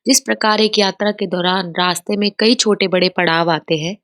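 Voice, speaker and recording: A woman's voice: mid-range voice, fairly even intonation, moderate pace, fairly bright tone. A woman teaching a grammar lesson over slides, explaining patiently and mixing in English words.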